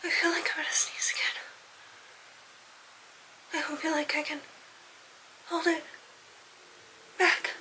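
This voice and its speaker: A woman playing a nervous young woman in hiding, talking to herself in hushed, partly whispered asides in an amateur cosplay role-play. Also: medium pitch, fairly even intonation, normal speed, pauses often, natural voice. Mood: anxious, furtive. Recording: clearly noisy amateur recording.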